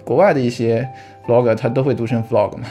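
A man's voice: mid-range voice, steady tone, a little fast, dark tone, soft background music. A man who is a guest on a podcast, explaining his topic in an easygoing way, thinking aloud with restarts and easy laughs. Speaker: podcast guest, vlog creator. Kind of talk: casual podcast chat.

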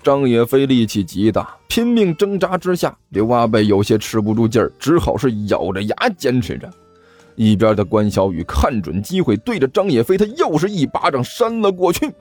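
A man narrating a comic audiobook story in a lively, theatrical storytelling manner. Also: mid-range voice, normal speed, soft background music.

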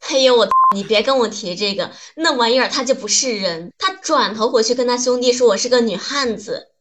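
A woman's voice: a little high, brisk, noisy background, close to an everyday voice. A woman acting a brash, tough young woman who rants bluntly and indignantly in a comedy skit. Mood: ranting. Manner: blunt, loud-mouthed, indignant ranting.

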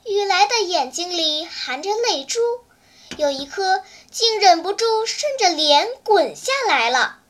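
A storyteller reading a children's story aloud, with expressive, animated delivery. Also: very high-pitched, measured pace. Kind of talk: scripted children's story narration.

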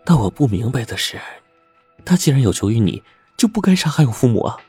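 A man voicing a clever young wife in a storybook tale, speaking with a cool, pointed delivery and a husky voice. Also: mid-range voice, very animated, fairly quick, a little mellow, soft background music, pitched above the performer's own voice. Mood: cold.

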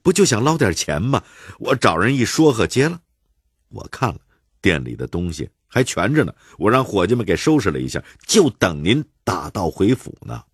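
A man's voice: fairly low pitch, big pitch swings, normal speed, breathy edge, no echo, studio quality, pitched above the performer's own voice, exaggerated voice. A man with a Beijing accent voicing a jovial, stubborn old Beijing bird fancier who jokes wryly. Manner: wry joking banter.

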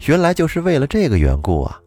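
A man's voice: on the high side, wildly swooping pitch, fast talker, dark tone, no echo, soft background music, pitched above the performer's own voice. A man doing a playful young fairy maiden. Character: young woman in her twenties, kind and playful fairy.

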